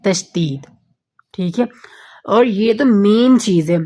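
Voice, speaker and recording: A woman teaching an online Quran recitation lesson. She explains patiently, keeps checking in with her listeners and slows down to recite the Arabic examples. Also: medium pitch, expressive, mellow. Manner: patient, repeats points with frequent checking fillers.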